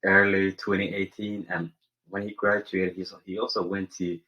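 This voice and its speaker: A young man from Somaliland with a low voice and a bright, forceful edge, telling his story as a podcast guest. He speaks earnestly and fills his pauses with "uh" and "you know" while he hunts for words. The recording sounds a little dull and lo-fi. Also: little pitch movement. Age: young adult. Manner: earnest, searching for words with frequent fillers. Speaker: guest, college senior. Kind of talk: casual interview answers.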